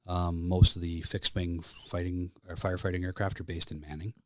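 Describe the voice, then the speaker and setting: Here the same kind of speaker, a Canadian-accented flight service specialist from Alberta in his fifties, swaps casual stories as a studio podcast guest. He's plain-spoken, low-voiced and flat, at a moderate pace. There's slight background noise.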